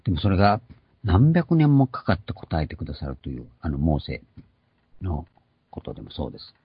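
Older male pastor, deep raspy voice with lively inflection, earnest teaching sermon. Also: brisk, dry recording. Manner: earnest, explanatory, stresses key words. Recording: dull lo-fi recording.

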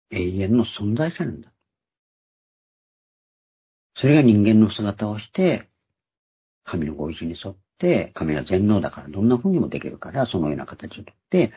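A man preaches a Bible lesson in a husky, breathy voice that sits fairly low. His pitch swings widely as he stresses and repeats the key words. The recording sounds dull and lo-fi. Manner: explains term by term, repeating key words for emphasis. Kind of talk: Bible teaching sermon.

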